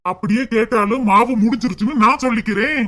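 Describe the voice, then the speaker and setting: A soft-hearted cartoon husband, voiced by a performer, soothes and placates in an ordinary mid-pitched voice with a Tirunelveli Tamil accent. He sounds gentle and eager to keep the peace. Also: fast, close to an everyday voice. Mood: placating.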